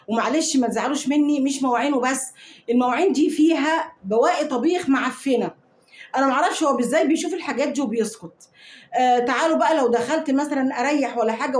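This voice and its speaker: A woman's voice: fairly high pitch, a little mellow, roomy sound. A woman with an Egyptian Arabic accent telling a first-person story to viewers in an indignant, disgusted way, then giving advice.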